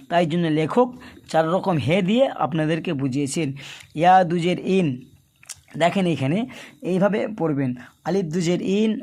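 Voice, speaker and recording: A man's voice: sits high, darkish tone. A man teaching Quran reading, patiently chanting letter drills and explaining each step to his viewers. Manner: addresses viewers as dear friends, asks and answers their questions.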